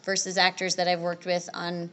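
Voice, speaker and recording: This young adult woman has a voice on the low side, a bit bright, with a completely flat delivery. A voice and screen actress, she chats upbeat in a casual convention interview, talkative and prone to quick restarts.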